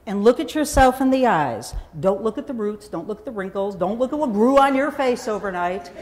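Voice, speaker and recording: Brief: woman motivational speaker, mid-pitched, lively storytelling to a crowd, reverberant hall. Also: fairly quick. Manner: animated storyteller, calls on audience members by name. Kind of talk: motivational talk to a live audience. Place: hall with a live audience. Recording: echoey hall.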